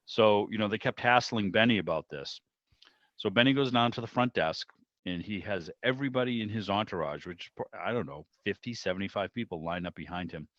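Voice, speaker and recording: Hosting an online club meeting from indoors on a video call, a man chats casually and enthusiastically about old radio, rambling and thinking aloud as he goes. His lowish, fairly bright voice comes fairly quickly through muffled, roomy call audio.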